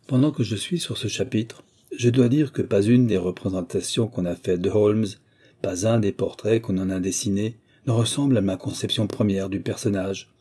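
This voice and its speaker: A man narrating a literary audiobook in a measured, even reading. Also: lowish voice, breathy edge.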